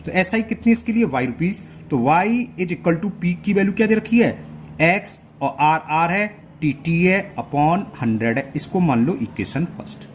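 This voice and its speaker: A man teaching a maths lesson step by step, often pausing to check that students follow. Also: fairly high pitch, lively intonation, slight background noise. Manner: explains step by step, checks understanding with rhetorical questions.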